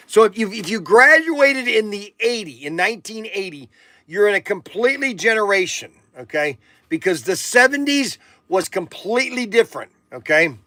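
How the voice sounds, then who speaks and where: A man in his sixties chats loosely through a livestream, rambling and joking with his viewers. His voice sits high and bright for a man, and the sound is close and dry. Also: no echo. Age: 60s. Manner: rambling, chatty, joking with viewers and reading out chat comments. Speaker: livestream auction host. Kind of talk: casual livestream chat.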